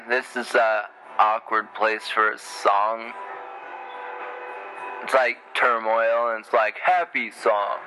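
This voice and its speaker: A man's voice: lowish voice, pushed and bright, rough recording. A young man casually commenting on a movie while it plays, rambling and joking and often stumbling over his words. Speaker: podcaster reacting to a movie. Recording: noticeable background noise.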